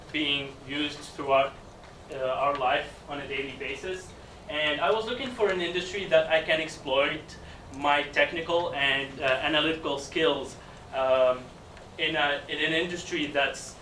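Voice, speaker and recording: A young man from Tunisia giving a student presentation, pausing often with fillers as he speaks in a lecture room. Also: fairly high pitch, sharp tone, slight background noise. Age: young adult. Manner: hesitant, many fillers. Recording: echoey room, mic from a distance.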